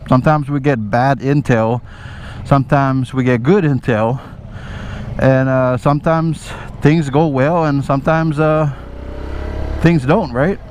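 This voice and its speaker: An army veteran turned motovlogger tells stories to the camera while riding his motorcycle through traffic, his mid-range voice steady, measured and a little mellow. He rambles casually and conversationally, swearing freely and often checking in with the listener. Engine and road traffic noise sit behind his voice.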